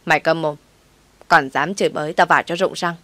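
Harsh, scolding woman , read by a woman, low voice, dry sound. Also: fairly even intonation, brisk, bright, forceful tone, no room sound. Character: harsh woman, snapping threats.

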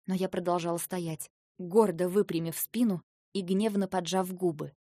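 Woman, audiobook narrator, soft subdued reading, lowish voice, dry close sound. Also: steady tone, moderate pace, dry recording. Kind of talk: first-person fiction narration.

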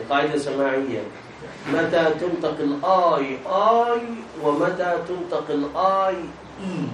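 Egyptian male teacher, high-pitched, quizzing style, distant and echoey. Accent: Egyptian Arabic. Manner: quizzes students with prompting half-questions. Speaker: religious teacher. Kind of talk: classroom lesson on jurisprudence. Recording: echoey room, distant mic, faint hiss.

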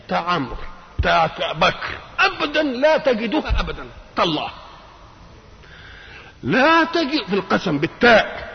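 A man with an Egyptian accent explaining Quran verses in a religious lecture, moving between everyday Egyptian speech and classical recitation, his voice rising sharply on points of emphasis. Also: high-pitched. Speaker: Quran commentator. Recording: dull lo-fi archive tape with faint hiss.

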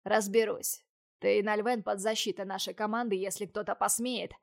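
A woman reading the part of a young male battle-mage captain in an audiobook, calm, direct and softly teasing. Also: medium pitch, moderate pace, vocal fry, close to an everyday voice. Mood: serious.

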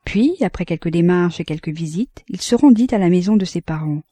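Calm woman reading a classic novel. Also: on the low side, no echo. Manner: calm, measured and even. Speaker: audiobook reader. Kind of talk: literary audiobook narration.

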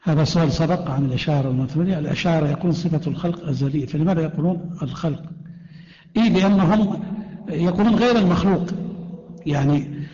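Brief: male sheikh, quick, mellow voice, reads questions and answers firmly. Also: fairly high pitch. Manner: reads out questions, then answers in short firm statements. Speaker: sheikh teaching a creed class. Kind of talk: lecture answering written questions. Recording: echoey lo-fi hall recording.

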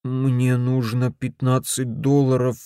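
A man's voice: mid-range voice, monotone, slow, warm tone, clean tone, dry recording, studio quality, close to an everyday voice. A man voicing a frantic middle-aged husband who runs a beach stand, pleading and whining in a desperate tone.

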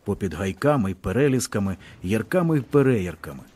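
Expressive male audiobook narrator. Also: lowish voice, brisk, slightly rough. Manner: expressive storytelling. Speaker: audiobook reader. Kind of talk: scripted narration of a novel.

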